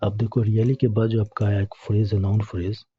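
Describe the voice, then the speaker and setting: A man's voice: on the low side, level tone, brisk, breathy edge, no room sound, phone-quality sound. A man teaching English grammar, explaining it step by step and answering his own questions to the class. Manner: repeats questions to students and answers them himself.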